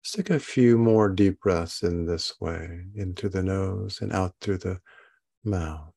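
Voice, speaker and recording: A man leads a guided meditation at a very slow, unhurried pace. His voice is fairly low, with a gravelly creak in it. He speaks calmly and haltingly, leaving long pauses as he gives simple instructions. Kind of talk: guided body scan meditation.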